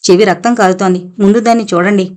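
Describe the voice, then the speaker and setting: Audiobook part: a steady, gently firm young woman comforting someone, read by a woman narrator. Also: medium pitch, quick pace, lightly acted. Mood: soothing. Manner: soothing yet firm.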